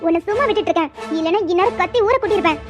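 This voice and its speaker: A woman's voice: very high voice, very fast. A woman voicing a frightened but defiant young woman in a cartoon, scolding and pleading. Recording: dull lo-fi with music behind.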